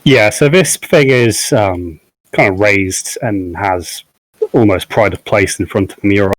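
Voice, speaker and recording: A man narrating as game master of a tabletop game, pausing often with ums and hedging words. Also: on the low side, no room sound, rough recording. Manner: hesitant, many ums and "kind of".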